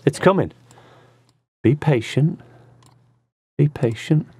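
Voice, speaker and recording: A man's voice: a little high, animated, slow pace, a little mellow, husky, no echo. Jokey rambling man hosting. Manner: rambling and jokey, with restarts and asides. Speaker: host of an online acoustic music show. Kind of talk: casual chat. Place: small studio.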